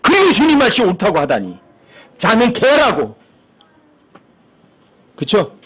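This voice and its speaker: A man's voice: sits high, wildly swooping pitch, measured pace, a bit bright, husky. A man preaching a sermon as pastor, asking the congregation questions and acting out the lines he quotes.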